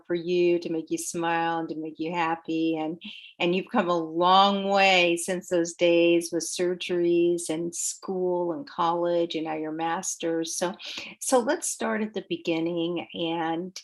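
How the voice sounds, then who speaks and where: A woman hosting a spiritual podcast, speaking in a gentle, heartfelt way and often searching for her words. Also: lowish voice. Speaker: podcast host. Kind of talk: podcast intro and interview.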